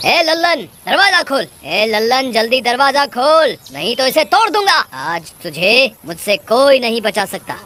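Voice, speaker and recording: A woman voicing a stern, angry male farmer in a cartoon, giving gruff threatening commands. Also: lowish voice, animated, fairly quick, fairly bright tone. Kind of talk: Hindi cartoon voice acting.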